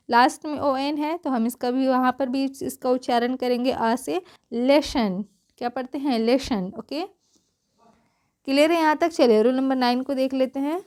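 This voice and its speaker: High-voiced woman teaching pronunciation. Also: darkish tone. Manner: spells letters one by one, then says the word twice; asks the class questions and answers them herself. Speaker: English teacher. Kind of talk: spelling-out pronunciation lesson.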